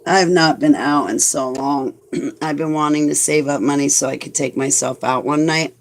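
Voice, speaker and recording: A woman's voice: low voice, moderate pace. A woman in her forties chatting casually to her viewers, rambling and joking about herself with lots of "like"s. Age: 40s. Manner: chatty and self-mocking, rambling with many "like"s. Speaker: vlogger talking to viewers. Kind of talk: casual chat reading live comments.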